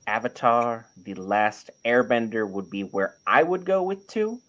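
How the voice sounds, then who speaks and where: A panel co-host with an expressive, medium-pitched, fairly bright voice speaks a bit slowly, and the audio is lo-fi. In a casual debate about animated series, he offers strong opinions and builds them up in lists.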